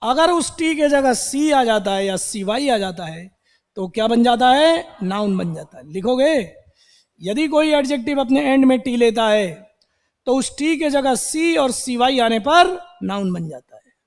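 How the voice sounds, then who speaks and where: A man's voice: extremely high pitch, expressive, unhurried, big-room sound. A male teacher giving a classroom grammar lesson. He repeats words in drills and asks and answers his own questions. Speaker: English teacher.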